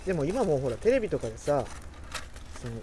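A man's voice: fairly high pitch, very animated, quick pace. A man hosting a casual podcast chat, teasing his co-hosts and steering the game. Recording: loud background noise.

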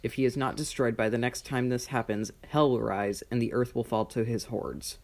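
A man's voice: medium pitch, fairly even intonation, moderate pace, creaky. A young man running a tabletop game, reading dramatic lore and teasing his players. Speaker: game master.

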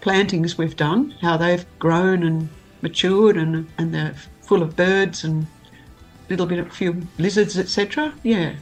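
An Australian woman giving measured, explanatory answers as a volunteer guest in a conversational interview. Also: fairly low pitch, fairly even intonation, darkish tone, soft background music, low-quality recording.

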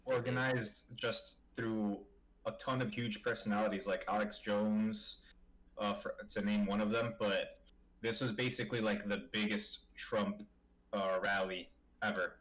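A man in a casual group chat, calmly explaining things at length in a measured way. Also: lowish voice, low-quality recording.

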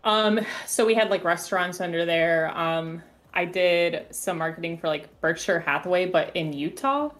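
Low-voiced woman chatting as a guest. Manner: relaxed, halting with fillers. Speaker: podcast guest. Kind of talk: casual chat.

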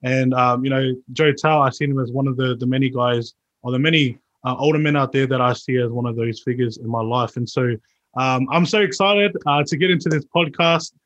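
A man's voice: mid-range voice, a little fast, a bit bright, lo-fi sound. Pumped young guy hosting his podcast, says bro and man a lot, mid voice. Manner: enthusiastic, loose, slangy with "bro" and "man". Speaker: podcast host.

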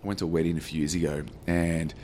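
Man podcast co-host, very low voice, playful teasing, faint hiss behind. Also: flat delivery, fast talker, darkish tone. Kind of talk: casual chat.

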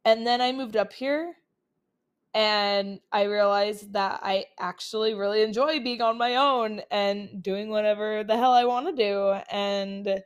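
On a casual solo podcast recorded with a laptop's built-in mic, a young woman from Utah sounds upbeat and chatty, leaning on fillers. Her mid-range voice has a clean tone, even as it recovers from colds.

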